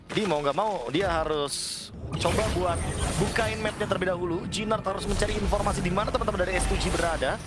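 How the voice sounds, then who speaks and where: A man's voice: high-pitched, fast talker. A man with an Indonesian accent giving conversational, explanatory analysis as a caster on a live esports match. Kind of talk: live game analysis commentary. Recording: music behind the voice. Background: background music.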